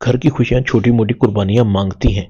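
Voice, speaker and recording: Calm earnest young wife, read by a guy with a husky low voice. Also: highs cut off. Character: patient young wife keeping peace.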